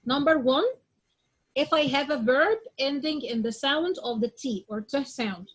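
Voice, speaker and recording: Slow, high-voiced woman teaching pronunciation. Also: low-quality recording. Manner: repeats examples and checks understanding with "okay?"; drills word sounds aloud one at a time. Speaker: English teacher. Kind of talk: classroom pronunciation lesson.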